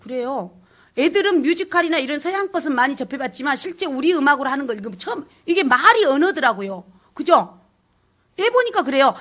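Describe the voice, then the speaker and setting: A woman from South Jeolla with a Jeolla dialect accent, teaching pansori in a lively lecture full of acted dialect and sung examples. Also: high-pitched. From South Jeolla, Korea. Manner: animated, switches into dialect role-play and sung phrases.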